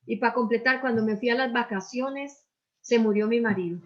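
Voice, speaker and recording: A woman's voice: on the high side, moderate pace. An older woman pastor, preaching in a conversational sermon with personal stories and rhetorical questions. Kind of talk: sermon dialogue. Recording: muffled lo-fi sound.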